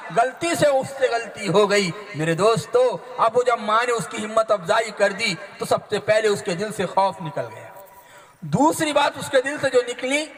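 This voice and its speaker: A man's voice: extremely high pitch, a bit bright. A male preacher, giving an impassioned, repetitive sermon that addresses the audience as friends. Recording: long hall reverb.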